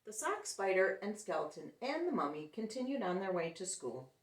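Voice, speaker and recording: Reading a picture book to small children, this female storyteller speaks at normal speed in a mid-range voice. She brings the characters to life and asks the kids questions as she goes. A distant mic picks her up with plenty of room echo.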